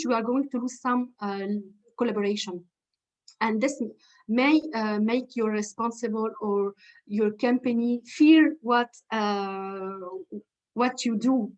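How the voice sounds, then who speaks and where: A woman with a somewhat high voice talks through a leadership lesson, laying it out step by step. She keeps repeating her key questions so they land. The audio is dull and lo-fi, as if muffled. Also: a little mellow. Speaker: leadership coach. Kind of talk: webinar lecture.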